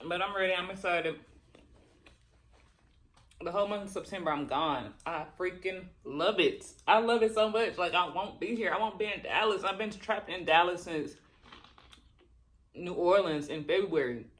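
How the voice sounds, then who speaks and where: A woman chatting casually and colloquially to viewers during a mukbang, chewing as she talks and pausing between bites. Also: lowish voice. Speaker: mukbang vlogger. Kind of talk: casual chat to viewers while eating.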